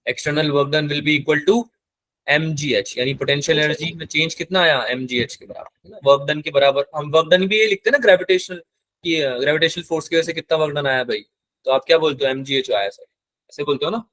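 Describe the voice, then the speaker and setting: A male physics teacher lectures, switching between Hindi and terms. His voice sits a little high, and the sound is dry and close. He keeps stopping to quiz his class. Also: a little fast, fairly bright tone, no echo. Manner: asks the class frequent check questions; mixes English terms into Hindi.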